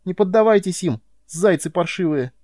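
Man doing a teen boy, panicky, shouting, high-pitched, defiant, storybook. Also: expressive, moderate pace, no echo, clean studio sound. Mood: panicked shouting. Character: frightened, defiant teenage boy.

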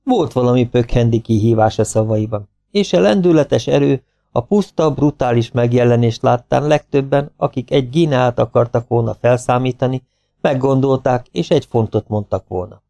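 A man narrating an audiobook in a calm, even storytelling manner. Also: medium pitch, vocal fry. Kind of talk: scripted narration.

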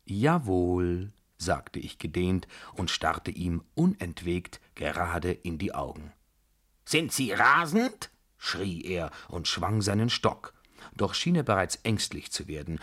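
Brief: male narrator, lower pitch, calm and measured storytelling from a novel.

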